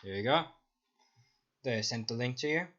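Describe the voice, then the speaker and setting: A man's voice: medium pitch, expressive, normal speed, a bit bright, lo-fi sound, slight background noise. A young man narrating as dungeon master on a stream, talking in a loose, rambling, self-mocking way. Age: young adult. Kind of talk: narrating a tabletop game on stream.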